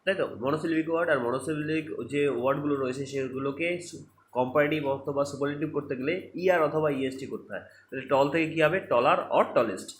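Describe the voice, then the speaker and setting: A man's voice: on the high side, slight background noise. Bengali-accented man teaching grammar, echoey room. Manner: explains step by step, reads sentences out slowly, asks rhetorical checks. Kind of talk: online grammar lesson. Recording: echoey room with faint ambience.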